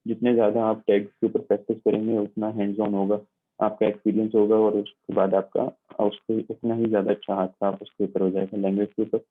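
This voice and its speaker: Man, lab instructor, online lecture, patient step-by-step explaining, husky voice, narrow tinny audio. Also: lowish voice, monotone, fast talker. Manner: patient, repetitive explaining with frequent check-ins. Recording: tinny, phone-like narrow sound.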